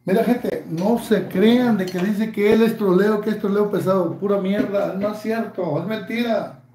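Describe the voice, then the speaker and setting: A Mexican man in his fifties rants and taunts, swearing at every turn. His voice runs high yet mellow. The room around him rings with echo. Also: normal speed. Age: 50s. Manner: angry, profane, taunting. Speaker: YouTuber. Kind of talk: ranting vlog.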